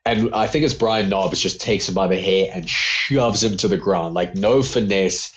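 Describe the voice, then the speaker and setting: A man chats through an old wrestling show as a podcast co-host. His voice sits a bit low, and he rambles, doubling back with fillers and laughing easily. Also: normal speed. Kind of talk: casual wrestling review chat.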